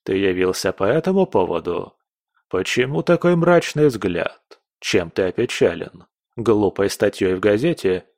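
A man's voice: lowish voice, sing-song, moderate pace, a little mellow, no room sound, clean studio sound. A man doing a grumbling old emperor. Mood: imperious. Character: blustering older male emperor, fussy and imperious.

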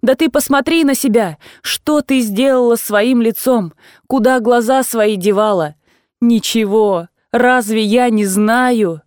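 A woman's voice: fairly high pitch, measured pace, darkish tone, no room sound, clean studio sound, lightly acted. A woman reading aloud and voicing an agitated, fussy old aunt who scolds and exclaims in a raised voice.

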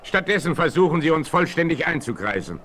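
An actor playing a bold, commanding frontier hero in a 1960s German radio play, declaiming with resolve. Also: male voice, on the high side, very animated, brisk, a bit bright. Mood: calm, resolute. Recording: 1968 vinyl radio play, noisy.

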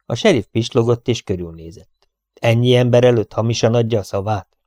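Egy férfi, aki egy hangoskönyvet olvas fel kimért, egyenletes mesélő stílusban. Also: male voice, mid-range voice, a little mellow, no room sound, studio quality. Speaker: audiobook narrator. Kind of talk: audiobook reading.

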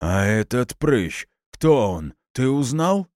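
A man voicing a drunk, foul-mouthed, hot-tempered middle-aged man who shouts and drags out his words. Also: medium pitch, big pitch swings, no room sound, clean studio sound, pitched above the performer's own voice. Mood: furious, drunk. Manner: shouting, coarse, drawn-out words.

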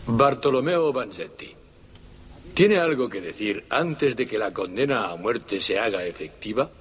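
An actor playing a male court official who puts a question in a formal, measured way, in a dubbed film. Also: mid-range voice, animated, natural voice.

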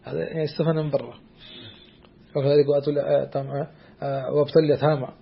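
A man teaches a classical Islamic jurisprudence text to a student, speaking hesitantly with many drawn-out fillers and restarts and repeatedly checking that the student is following. His slightly high voice barely shifts in pitch and sounds gravelly with a breathy edge, on a muffled recording.

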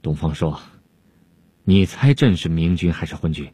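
A man voicing a stern, imperious male Han emperor who speaks in a low, commanding way. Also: a little slow, a little mellow, no echo.

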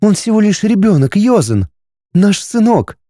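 A man reading a novel aloud and voicing an earnest, reproachful wife and mother in a raised, softened voice. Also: big pitch swings, moderate pace, no echo, clean studio sound. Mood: pleading, reproachful. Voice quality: soft, raised pitch for a woman. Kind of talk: audiobook character reading.

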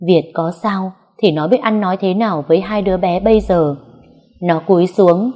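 A woman narrating a novel in a soft, even storytelling manner, reading the characters' dialogue quietly. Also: fairly low pitch, normal speed. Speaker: audiobook narrator.

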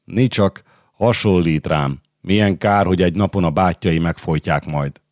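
Egy rideg, fölényes szultán, akit egy férfi olvas fel, odavetett, elutasító hangon. Rendkívül mély és száraz hang. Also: male voice, deep voice, dry recording, clean studio sound, lightly acted. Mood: dismissive. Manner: offhand, dismissive. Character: cold, aloof middle-aged sultan.

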